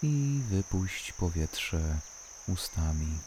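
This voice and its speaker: A calm, soothing voice guiding a body-scan relaxation, unhurried and leaving long pauses between short instructions. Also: low voice, background noise. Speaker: guided relaxation narrator. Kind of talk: slow guided body-scan meditation.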